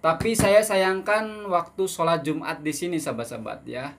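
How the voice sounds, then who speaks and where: A man's voice: a little high, moderate pace, noisy background. Chatty young man answering viewer questions. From Indonesia. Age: 20s. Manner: mixes in Malaysian words and English terms. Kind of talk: casual Q&A vlog.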